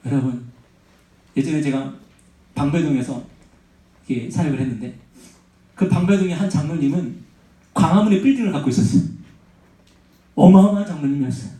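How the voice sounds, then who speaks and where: A man preaching to high school students, animated, asking questions and having the room repeat after him. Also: fairly quick, long pauses, distant mic. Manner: animated, asks the audience questions and has them repeat. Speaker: youth pastor. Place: church sanctuary. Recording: echoey church hall.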